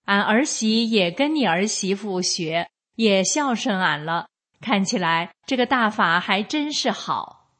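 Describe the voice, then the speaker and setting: A woman giving a scripted reading of a first-person account in a slow, even, measured way. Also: mid-range voice.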